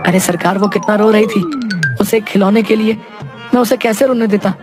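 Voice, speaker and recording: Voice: mid-range voice, steady tone, moderate pace, over music, voice pushed up, natural voice. A voice actor doing a whiny, foolish young thief. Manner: pleading, whiny, humble, calls the boss sir. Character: dim-witted soft-hearted male apprentice thief. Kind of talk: cartoon voice acting.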